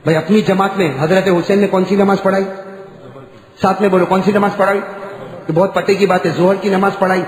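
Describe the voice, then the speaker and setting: A male preacher tells a story in a heated sermon, and his voice sits high. He swings from ringing shouts down to low, hushed narration. A long reverb trails every phrase of the big hall. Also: little pitch movement. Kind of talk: impassioned Urdu sermon storytelling.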